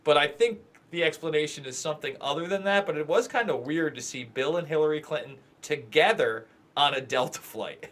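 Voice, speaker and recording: Male co-host, a touch high-pitched, teasing and jokey. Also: fairly quick, hardly any pauses, a bit bright. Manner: joking, teasing, laughs often. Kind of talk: casual live-stream chat.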